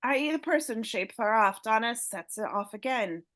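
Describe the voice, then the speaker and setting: A woman's voice: fairly high pitch, animated, normal speed, fairly bright tone. Woman reading stage directions. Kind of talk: reading script action descriptions.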